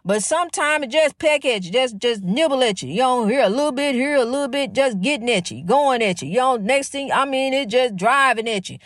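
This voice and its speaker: A woman's voice: high voice, animated, fairly quick, hardly any pauses, no room sound, studio quality. A middle-aged woman giving a casual spiritual pep talk, fervent, calling the listener honey with lots of you-knows. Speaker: inspirational speaker.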